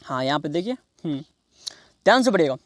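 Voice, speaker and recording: A man teaching in a class, explaining slowly and repeating each phrase. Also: fairly high pitch, very animated, no echo. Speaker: English teacher. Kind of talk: classroom lesson.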